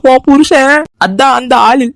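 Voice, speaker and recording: Woman voicing a distraught cartoon son, wailing, fairly high voice. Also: measured pace, a little hiss or hum. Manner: wailing, complaining. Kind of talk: cartoon comedy voice acting.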